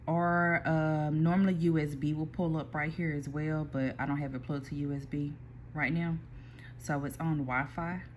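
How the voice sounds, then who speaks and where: In a flat, easygoing mid-pitched voice, the owner of a small print shop talks through a computer workflow for a casual screen-recorded tutorial, pausing and restarting between steps. A phone held toward the screen at an indoor workspace picks it up, along with a faint background hum.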